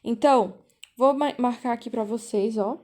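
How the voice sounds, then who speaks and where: A woman teaching a language class over a video call, explaining slowly and patiently, repeating key points and checking in with the students. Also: fairly high pitch, darkish tone. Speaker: volunteer teacher.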